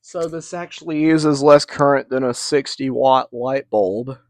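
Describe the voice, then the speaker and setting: Guy talking slow and easy, rambling on about his vintage fan, dry close sound. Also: medium pitch, a little mellow, dry recording. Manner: rambling, with restarts and asides. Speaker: vintage fan collector channel host. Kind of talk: casual demo video narration.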